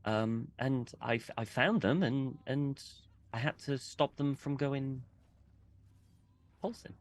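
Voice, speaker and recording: A man playing his character in a tabletop game, talking in a halting way with many restarts. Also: medium pitch, no echo. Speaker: player.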